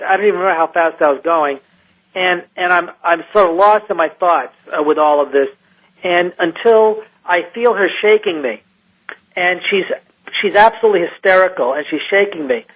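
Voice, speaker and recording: A man who is a scientist recounts an encounter in a radio interview, halting and restarting often as he talks. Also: on the high side. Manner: halting, with many restarts and fillers. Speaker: guest scientist. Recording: muffled lo-fi radio line.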